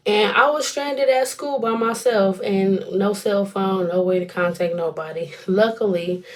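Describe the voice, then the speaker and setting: A woman's voice: medium pitch, a little slow. A woman in her twenties tells a personal story in a chatty, colloquial way, rambling and dropping in little asides as she goes. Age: 20s.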